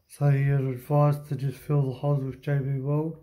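A hobby boat mechanic talks casually about a repair in his indoor workshop, pausing often and saying "um" a lot. His mid-range voice is mellow with little pitch movement. A handheld phone camera films him close up.

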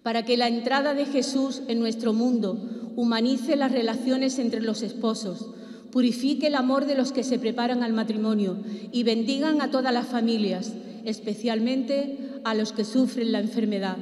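A woman lector reading the intercessions at Mass in a measured, solemn way. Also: on the high side, steady tone, a little mellow. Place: large church. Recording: echoey church with long reverb.

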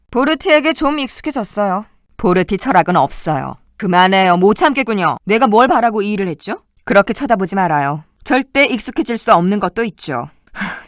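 A woman's voice: mid-range voice, no echo, studio quality, natural voice. A woman voicing a weary but loyal woman resistance citizen, delivering short, clipped game voice-line barks. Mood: grumbling. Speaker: voice actor.

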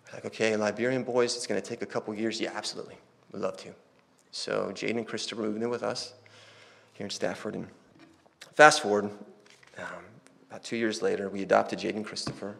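Gravelly-voiced pastor telling a story. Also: male voice, on the low side, steady tone, fairly quick, fairly bright tone. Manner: conversational storytelling with quoted dialogue. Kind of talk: testimony within a sermon.

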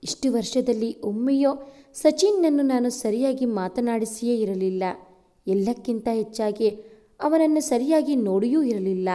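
A woman voicing a distrustful, hurt young bride who speaks quietly and subdued in a storytelling recording. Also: a little high, close to an everyday voice.

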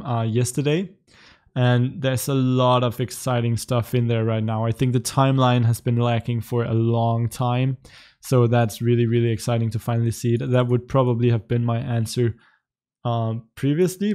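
A relaxed, chatty young man from Denmark, in his twenties and a native Danish speaker, responds to chat questions during a livestream from his home room, in front of a webcam. He has a mid-range voice and lets out light laughs as he goes.

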